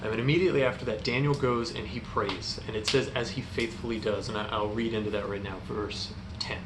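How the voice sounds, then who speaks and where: A man's voice: lowish voice, fairly even intonation. Young man preaching in an echoey room. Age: young adult. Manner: earnest, hesitant, halting delivery. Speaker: youth group speaker. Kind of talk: informal sermon. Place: indoor room in front of a stone fireplace. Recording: echoey room, clear background noise.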